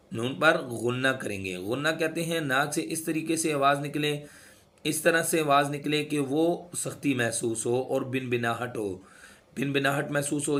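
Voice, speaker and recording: A man teaching recitation rules, explaining each rule and then slowly chanting the words with drawn-out sounds to demonstrate. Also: mid-range voice, a bit bright. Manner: instructive, repeats sounds to demonstrate. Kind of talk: tajweed lesson.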